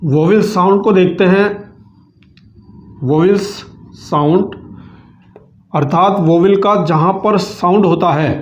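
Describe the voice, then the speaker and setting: A male teacher giving a grammar lesson, who explains patiently, repeats himself slowly and keeps addressing viewers as friends. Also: high voice. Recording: echoey room, dull lo-fi sound.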